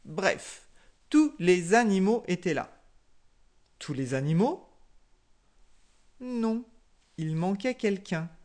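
A woman telling a folktale aloud with slow, measured phrasing and dramatic pauses. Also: lowish voice, a little mellow. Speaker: storyteller. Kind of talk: oral folktale narration.

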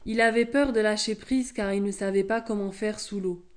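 A woman storyteller reading a children's tale aloud in a calm, measured way. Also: mid-range voice.

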